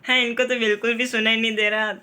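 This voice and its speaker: A young man with a high, bright voice performs a comedy sketch. He hops between family characters, nudging his pitch up and down for each one. His delivery is quick and playful. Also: flat delivery, smooth. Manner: plays several family roles with shifting pitch.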